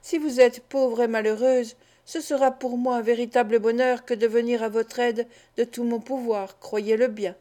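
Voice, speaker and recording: A kind young lady speaks gently and soothingly, read by a woman narrator. Her voice is fairly high and mellow. This is an audiobook of a classic novel. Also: steady tone, normal speed, few pauses, natural voice. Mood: gentle.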